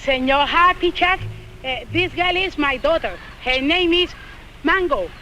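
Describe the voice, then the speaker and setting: A woman's voice: sits high, lively intonation, measured pace, noisy background. A woman playing a brassy, fussing island mother in an old comedy film, with a Latin American Spanish accent and broken English. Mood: coaxing. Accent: Spanish-speaking Latin American.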